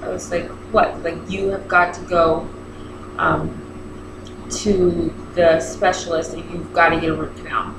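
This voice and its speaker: A woman's voice: fairly low pitch, a little slow. A woman in her thirties with braces in her mouth, chatting casually in a rambling vlog style and often interrupting herself. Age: 30s. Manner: rambling, self-interrupting, animated retelling with quoted dialogue. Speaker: vlogger. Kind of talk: casual chat to camera. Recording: echoey room with clear background noise.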